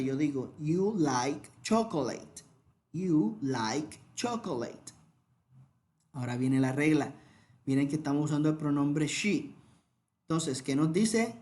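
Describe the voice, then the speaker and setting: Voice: mid-range voice, darkish tone. A teacher explaining English grammar rules in a classroom style, patiently repeating each example aloud.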